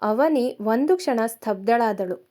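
A woman narrating a romance story in a calm, measured storytelling manner. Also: fairly high pitch.

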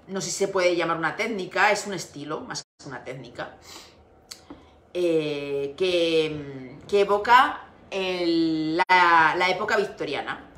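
A woman with a Spanish accent hosting a live craft tutorial, explaining haltingly as she searches for words. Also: lowish voice, a bit bright, reverberant. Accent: Spain Spanish. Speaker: craft channel host.

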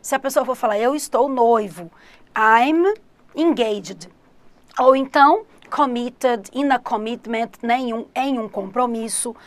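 Woman, Brazilian accent, English teacher, high voice, dry close sound, lively, speaks directly to students. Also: normal speed, few pauses, no echo. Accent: Brazilian Portuguese. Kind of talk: online exam-prep lesson.

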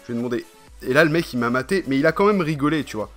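Bright-voiced rambling man vlogger. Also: mid-range voice, animated, rapid-fire, faint music behind. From France. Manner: rambling, slangy, full of fillers. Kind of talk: casual vlog chat.

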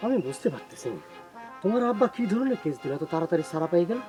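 A fast-talking anxious young villager. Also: male voice, high voice, sing-song, darkish tone, faint music behind. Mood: worried. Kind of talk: TV drama acting.

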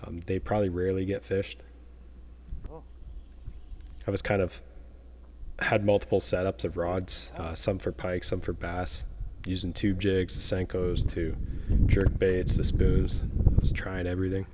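A young man narrating his canoe fishing trip in a relaxed, plain-spoken voice-over with fillers and pauses. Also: deep voice, slight background noise. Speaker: fishing vlogger.

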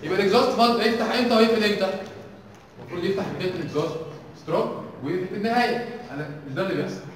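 Rapid-fire Egyptian man lecturing in an echoing hall. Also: sits high, slight background noise. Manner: quizzes the class with constant questions. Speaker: engineering teaching assistant. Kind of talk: university tutorial lecture. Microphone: distant room mic. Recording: echoey hall recorded from far off.

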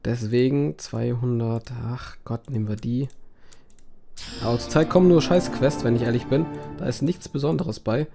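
A man's voice: medium pitch, moderate pace, gravelly, warm tone, soft background music. A man doing let's play commentary on a browser game, swearing and groaning at it with sudden dramatic outbursts, his voice strained from talking for hours.

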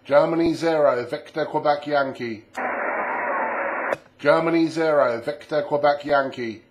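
A man with a fairly high voice makes clipped, repetitive radio calls in phonetic letters. There is clear static noise around him. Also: a little slow. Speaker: amateur radio operator.

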